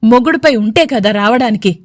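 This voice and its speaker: A woman voicing a sharp-tongued, scheming middle-aged mother in a storybook, speaking reproachfully. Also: on the high side, fairly quick, no room sound, studio quality, close to an everyday voice. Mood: sarcastic.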